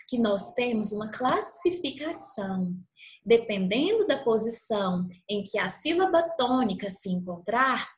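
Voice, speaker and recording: Slow, didactic woman teacher. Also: fairly high pitch, fairly bright tone. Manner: slow, didactic, stretches out example words, frequent "tá bom?" check-ins. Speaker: schoolteacher. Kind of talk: recorded classroom lesson. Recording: echoey room.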